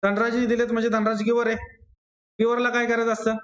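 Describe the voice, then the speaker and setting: A man's voice: very high-pitched, monotone, quick pace, a bit bright, muffled recording. A man with a Marathi accent teaching accountancy to a class, repeating rules and calling on students by name. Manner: drills rules by repetition, quizzes students by name. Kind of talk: classroom lecture. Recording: echoey classroom.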